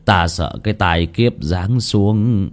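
A man voicing a frightened old male village elder, speaking slowly, low and solemn. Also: expressive, mellow, slightly rough, full character voice. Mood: grave. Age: older.

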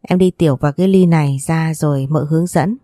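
Woman doing a gentle young mistress, low voice. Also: fast, dry recording, clean studio sound, lightly acted. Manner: gentle, soothing, persuasive. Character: young mistress of a wealthy house, kind and coaxing.

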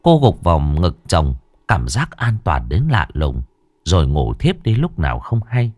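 A man's voice: sits low, huge pitch swings, measured pace, darkish tone, no echo, soft background music. A man narrating a ghost story with a dramatic delivery.

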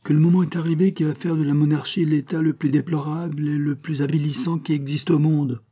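A man's voice: fairly high pitch, level tone, brisk, dark tone, husky, pitched above the performer's own voice. A man voicing a proud, anguished queen in an audiobook, indignant and pleading. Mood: bitter, indignant. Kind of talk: audiobook character reading.

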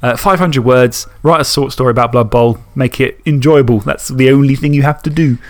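A man's voice: mid-range voice, brisk. A man co-hosting a podcast in casual, rambling, self-mocking chat. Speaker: podcast co-host.

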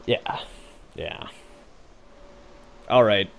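A man's voice: on the low side, very slow, vocal fry, lo-fi sound. A young man co-hosting a gaming podcast, chatting casually in a rambling, laid-back way with frequent swearing and fillers. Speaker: podcast co-host.

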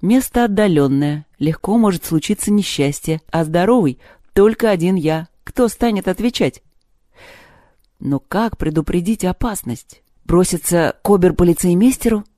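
Low, dark-voiced woman reading a story. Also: lively intonation, normal speed, no echo, studio quality. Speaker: audiobook reader. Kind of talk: scripted literary narration.

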